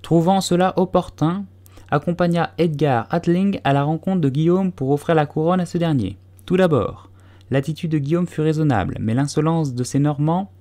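A man voicing a self-important mouse lecturing loudly in a storybook reading. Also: a little high, moderate pace, voice pushed up, close to an everyday voice. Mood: pompous. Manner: haughty, lecturing, loud.

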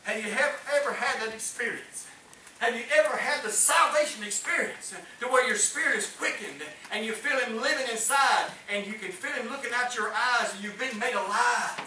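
A middle-aged man preaches with fervor at normal speed, his high, piercing voice sharp in tone, rising and falling as he calls for amens in a Pentecostal-style sermon. A far camera with no mic seen records him in a small, echoey church hall with a congregation and faint hiss.

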